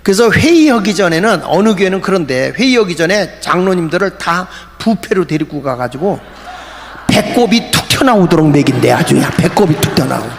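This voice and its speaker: Male pastor, fervent revival preacher with a raised, rough voice, recorded in a reverberant retreat hall. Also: sits high, sing-song, a little fast. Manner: fervent, shouting at peaks, jokey asides. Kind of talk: revival sermon. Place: large prayer retreat hall. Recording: echoey hall with faint ambience.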